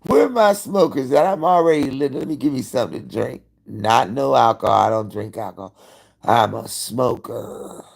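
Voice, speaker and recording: Man in his 50s, livestream host at home; raspy, gravelly voice, animated and foul-mouthed. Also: medium pitch, moderate pace, low-quality recording. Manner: animated, profane gossiping with viewers. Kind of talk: casual live-stream chat.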